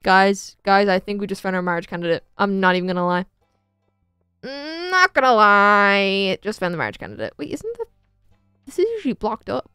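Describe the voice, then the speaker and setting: A young woman streaming a farming game, excitable and gushing, chatting to her viewers. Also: medium pitch, fast, clean tone, dry recording, studio quality, soft background music. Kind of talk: casual gaming commentary.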